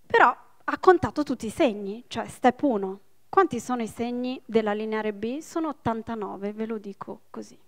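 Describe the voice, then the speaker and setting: A woman in her forties, a linguist giving a public lecture, explaining step by step with quick asides to the audience. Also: a little high. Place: public library event hall.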